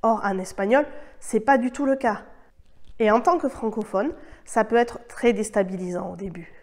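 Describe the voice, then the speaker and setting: A woman whose first language is French, giving a scripted online Spanish lesson in a clear, measured way and modeling the words. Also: mid-range voice. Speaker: Spanish teacher.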